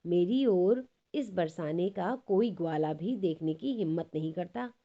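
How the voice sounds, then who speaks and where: A woman voicing a spirited young newlywed village bride who talks with indignant, sharp outbursts. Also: fairly low pitch, a little slow, lo-fi sound. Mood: proud.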